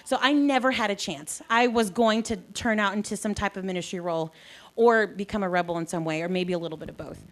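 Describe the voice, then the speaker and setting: A woman's voice: medium pitch, fast. A young adult woman from South Texas, a pastor giving a chatty, self-deprecating talk to a live audience with frequent ums. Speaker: pastor and faith organizer.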